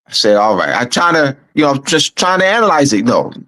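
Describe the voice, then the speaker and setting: A man with a Camden, New Jersey accent, telling a story slowly and reflectively, often repeating words as he thinks aloud. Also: medium pitch, very animated, sharp tone, low-quality recording.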